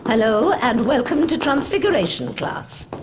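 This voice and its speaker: A woman's voice: fairly high pitch, very animated, moderate pace, background noise. A woman playing a stern but fair older professor in a video game, speaking formally and precisely like a schoolmistress. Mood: formal, instructive.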